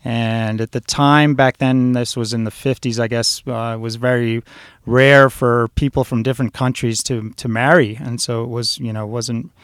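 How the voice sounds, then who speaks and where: Here a forties-aged chef, born in Switzerland and raised in New York City, rambles through stories as a casual interview guest, with frequent fillers. His smooth, resonant voice is mid-range, at normal speed with few pauses, and the sound is dry, close and echo-free.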